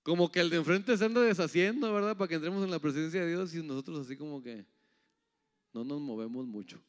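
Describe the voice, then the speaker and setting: Male preacher, fairly high, resonant voice, church hall with long reverb; sermon style that swings loud and soft, keeps quizzing the congregation. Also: fast talker, smooth. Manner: keeps asking the audience "yes or no?"; swings between loud rising calls and soft low asides.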